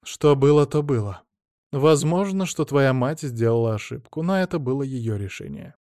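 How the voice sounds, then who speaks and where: A man's voice: mid-range voice, animated, normal speed, dark tone, no echo, clean studio sound, close to an everyday voice. A male reader voicing a reserved older woman who answers in a weary, firm way. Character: reserved older woman, a maternity ward worker.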